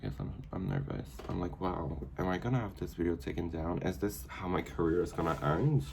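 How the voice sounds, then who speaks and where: A young man with a very low, deep voice, chatting casually as a vlog host. He teases bluntly and playfully, with a faint hum of noise behind him. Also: expressive, a little fast, vocal fry, darkish tone. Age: 20s. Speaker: vlogger host. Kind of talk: casual couple chat.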